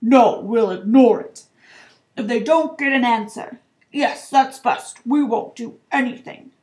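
A loud, overbearing middle-aged uncle , acted out by a woman storyteller, forceful and blustering. He barks and sneers his way through a children's storybook, pitched up and pushed hard. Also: a little slow, echoey room, lightly acted. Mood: agitated. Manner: barking, sneering, snapping.

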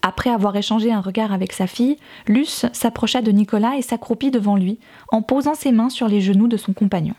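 A woman narrates a novel aloud, her voice sitting a little high yet soft and mellow in tone. She gives each character's dialogue a light, gentle shift of voice while keeping a steady storytelling read. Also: brisk. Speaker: audiobook reader.

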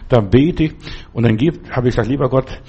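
A man's voice: medium pitch, a little fast, mellow, breathy edge, muffled recording. A man preaching a sermon, speaking emphatically and addressing the listener directly with repeated questions.

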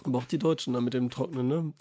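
A man's voice: medium pitch, very fast. A man co-hosting a podcast in casual, rambling chat, laughing often. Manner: lively, rambling, laughs a lot. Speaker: podcast co-host.

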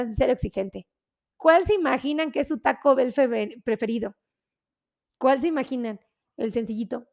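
A woman from Mexico hosting a casual live stream, chatty and exclamatory, greeting viewers by name. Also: sits high. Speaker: livestream host greeting viewers.

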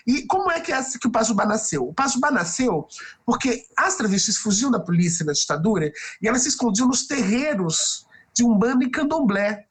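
Husky-voiced woman. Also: fairly high pitch, expressive, brisk. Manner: thoughtful, frequent tag questions. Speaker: guest writer and researcher. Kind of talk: reflective podcast interview answer.

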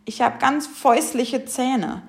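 A woman's voice: a little high, very animated, slow, gravelly, a little mellow, exaggerated voice. A woman voicing a shy young boy rabbit with buck teeth who lisps, turning sch sounds into f. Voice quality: lisping, says f for sch.

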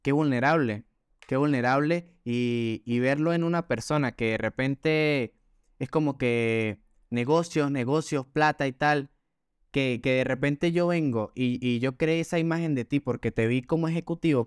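A man's voice: medium pitch, smooth, no room sound, studio quality. A man from Venezuela with an Andean gocho accent, co-hosting a casual podcast chat in an earnest, explanatory way with many restarts. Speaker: podcast co-host.

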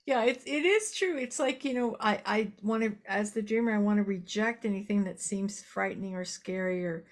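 A middle-aged woman, a dream worker co-hosting a podcast, talking in a chatty, animated way. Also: medium pitch, normal speed. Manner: chatty and animated, laughs easily. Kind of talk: casual podcast conversation.

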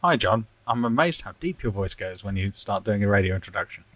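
A man chats on a political podcast in a low, rambling voice. He is self-deprecating and chuckles often. The sound is dry and close, with no room around him. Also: animated, brisk, a bit bright, no echo, low-quality recording. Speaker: podcast co-host. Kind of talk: casual political chat.

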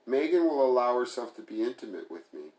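A man's voice: mid-range voice, sing-song, brisk, darkish tone, voice pushed up, close to an everyday voice. A man voicing a hesitant, evasive young man. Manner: hesitant, fumbling. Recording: roomy echo.

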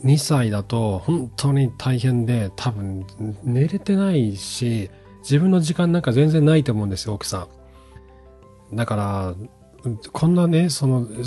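Mellow-voiced man giving relationship advice. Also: medium pitch, slightly rough. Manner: conversational, frequent fillers, acts out quotes. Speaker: podcast host answering listener questions. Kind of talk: advice talk.

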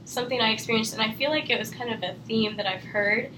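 A woman's voice: on the high side, fast talker, background noise. A woman from Missouri, an army spouse, sharing her experience thoughtfully in a roundtable. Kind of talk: roundtable discussion.

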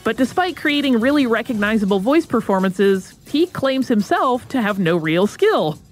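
A woman's voice: on the high side, sing-song, moderate pace, soft background music. A woman podcast host narrating a scripted episode and introducing interview clips.

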